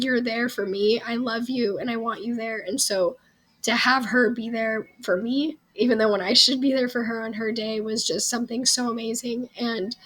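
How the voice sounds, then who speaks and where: A young adult woman with a hoarse, strained voice, telling a personal story to viewers in an earnest, candid, informal way. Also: fairly high pitch, a bit bright, poor audio. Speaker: vlog host.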